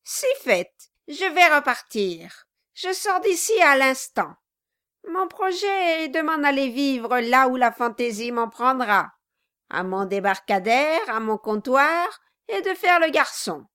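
A woman voicing a cruel, mocking male dwarf who taunts and bullies loudly in a storybook reading. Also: high-pitched, expressive, takes it slowly, clean tone, pitched above the performer's own voice, exaggerated voice. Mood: taunting. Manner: loud, taunting, gleeful bullying.

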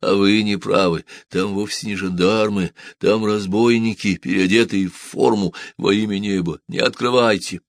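A man's voice: fairly low pitch, fairly even intonation, moderate pace, creaky, hardly any pauses, dry recording, clean studio sound. A man voicing a loyal, cautious farm gardener in a storybook reading. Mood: anxious. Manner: anxious, earnest.

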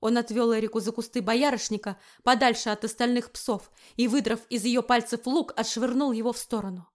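Casting note: female audiobook narrator, higher voice, even expressive reading. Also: a little fast. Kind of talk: scripted fantasy narration.

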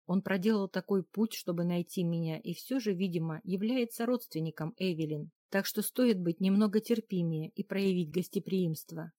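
A woman narrating a first-person audiobook in a calm, even storytelling manner. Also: lowish voice, normal speed, few pauses, no echo.

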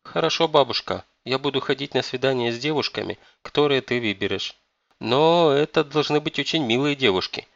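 A man's voice: medium pitch, expressive, moderate pace, vocal fry, a bit bright, no room sound, highs cut off, pitched above the performer's own voice. A man voicing a spoiled, lazy young man of twenty-two who whines and pleads. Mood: whining. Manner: whiny, pleading.

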